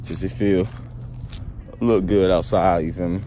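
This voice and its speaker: A young adult man, a bit under the weather with a cold, chats casually into a phone he holds low at arm's length while strolling outside on a sunny day. His voice sits low and warm, steady in tone and a little slow, and he keeps dropping "you feel me" into his laid-back rambling. Passing cars and outdoor street noise come through behind him.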